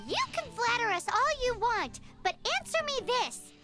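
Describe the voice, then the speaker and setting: A woman voicing a small, chatty, cheeky childlike fairy companion in a video game, with a squeaky voice. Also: sing-song, moderate pace. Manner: speaks of self in third person. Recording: game music behind the voice.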